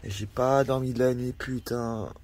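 A man's voice: medium pitch, steady tone, moderate pace, darkish tone. A man vlogging casually outdoors by a campfire, talking in slang and swearing freely as he rambles. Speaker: van-life vlogger. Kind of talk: casual vlog chat.

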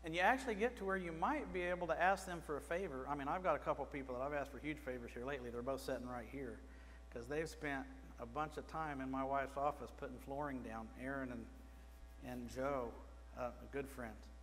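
A man's voice: medium pitch, fairly even intonation, a little fast, a bit bright. Man preaching in a reverberant church. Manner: conversational, asks the congregation questions, gestures at a pulpit. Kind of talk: sermon. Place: small church sanctuary. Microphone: pulpit microphone. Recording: reverberant church with faint mains hum.

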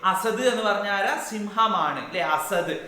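High bright-voiced cheerful teacher in an echoey room. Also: male voice, normal speed. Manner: playful, asks the children many questions. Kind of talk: children's exam revision lesson.

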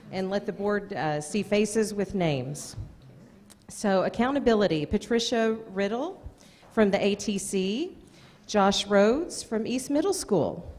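A school district presenter, a middle-aged American woman with a slightly mellow mid-range voice, reads out award nominees at a public meeting with casual asides. She stands at a podium in an indoor meeting room using a gooseneck microphone, and the hall echoes with a long reverb.

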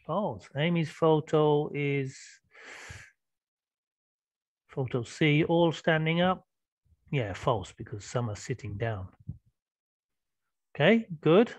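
A man's voice: fairly high pitch, expressive, takes it slowly, pauses often, dry recording. A man teaching an online English class, patiently prompting students with questions over a video call.

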